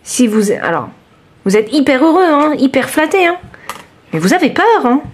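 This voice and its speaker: A woman giving a chatty, expressive tarot reading, talking straight to her listeners and exclaiming over the cards. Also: high-pitched, moderate pace, a little hiss or hum. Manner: addresses listeners directly. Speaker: tarot card reader. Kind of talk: informal tarot reading to camera.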